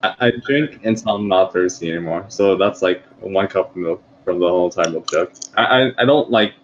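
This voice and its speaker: A man's voice: sits low, fairly quick. Matter-of-fact man, dull noisy mic. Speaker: player. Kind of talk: tabletop game play over voice chat.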